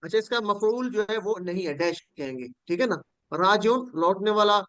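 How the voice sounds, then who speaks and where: A man's voice: sits high, expressive, moderate pace, fairly bright tone, smooth, no echo. A man from Pakistan teaching Quranic Arabic in an online class, patiently drilling word forms and calling on students.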